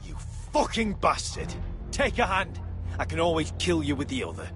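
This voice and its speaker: An actor playing a roguish sellsword who talks wryly and deliberately. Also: male voice, a little high, animated, natural voice. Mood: defiant. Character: roguish male sellsword, wry and daring. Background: game music.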